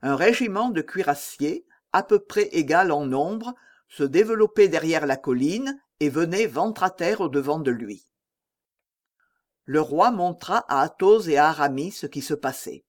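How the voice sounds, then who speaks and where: Man narrating an audiobook with steady drama. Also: on the high side, unhurried. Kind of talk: scripted narration.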